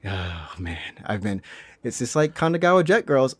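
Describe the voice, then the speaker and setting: A playful young man hosts a casual gaming podcast. He laughs often and sometimes leaps into a squeaky joking voice. His voice sits at an ordinary pitch and is recorded close and dry. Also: big pitch swings, normal speed, dry recording. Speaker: podcast host.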